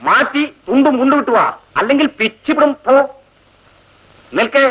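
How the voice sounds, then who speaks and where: A man's voice: extremely high pitch, normal speed, pushed and bright, lo-fi sound. An actor playing a mocking male college senior who bosses newcomers around with theatrical taunts, in 1980s film dialogue. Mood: taunting.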